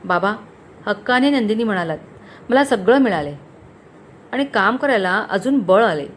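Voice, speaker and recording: A woman's voice: medium pitch, animated, normal speed, a little hiss or hum, natural voice. A woman voicing a capable middle-aged mother reassuring her family.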